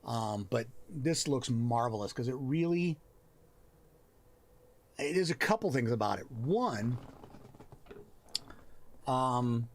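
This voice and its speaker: A man with a gravelly, fry-edged voice at a middle pitch, talking his way through a live help stream. He muses aloud and pauses to find his words as he looks over the screen. His tone stays casual and unscripted. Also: animated. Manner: thinks aloud, pausing and restarting as he reads. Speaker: host of a writing and worldbuilding help stream. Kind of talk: casual live-stream chat while reviewing work on screen.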